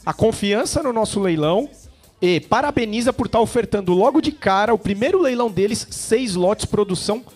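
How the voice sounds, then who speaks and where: A man's voice: high voice, animated, brisk, a little mellow. A Brazilian man giving live sales commentary at an auction, emphatic and building his points in repeated phrases. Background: music.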